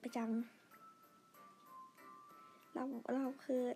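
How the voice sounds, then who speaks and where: A woman chatting quietly through her game, pleading for lucky draws and gushing over outfits. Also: very slow, faint music behind. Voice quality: quiet, soft-spoken. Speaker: gamer narrating her play. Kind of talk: casual game commentary.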